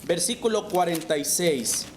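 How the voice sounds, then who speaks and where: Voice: medium pitch, animated, unhurried. A preacher delivers a sermon, calling the listeners brothers and leaning on rhetorical questions. The voice rings through a very echoey church hall. It is picked up from a distance, with faint noise behind it. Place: church sanctuary.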